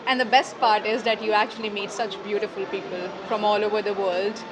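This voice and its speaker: A woman speaks in a mid-pitched voice as an interview guest. She is articulate and laughs often between her thoughts. Steady background noise runs under her voice. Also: fairly quick. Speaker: interview guest, digital nomad. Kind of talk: casual conversation.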